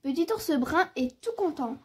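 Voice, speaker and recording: A woman reading a picture book aloud for children, clear and expressive, as the storyteller. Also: high voice, normal speed.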